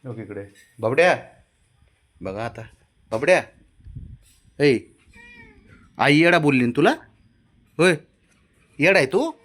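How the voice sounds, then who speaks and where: A man's voice: mid-range voice, very animated, slow pace, pauses often, a bit bright. Man sweet-talking his cat. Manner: coaxing, teasing baby talk to a pet. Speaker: cat owner. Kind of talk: home pet video, talking to a cat.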